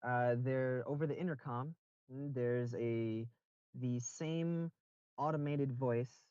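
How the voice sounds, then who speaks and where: A man narrating a tabletop game as game master, halting and restarting with many fillers. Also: mid-range voice, dark tone, clean tone, no echo. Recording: dull lo-fi voice chat audio.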